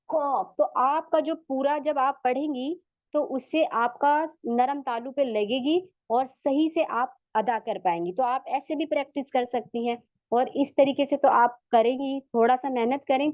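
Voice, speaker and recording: A high-voiced woman with an Urdu accent teaches recitation at an unhurried pace, patiently repeating each sound so students can copy it. The recording is dry and a little dull. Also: no echo. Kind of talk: slow step-by-step lesson.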